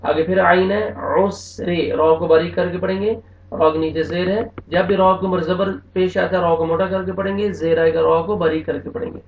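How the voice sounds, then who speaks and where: A man teaching Quran recitation online, drawing out each word slowly and then explaining the rules quickly. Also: high voice, fairly even intonation, slight background noise. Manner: slow drawn-out recitation alternating with quick explanations. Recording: echoey, distant, tinny phone-like sound.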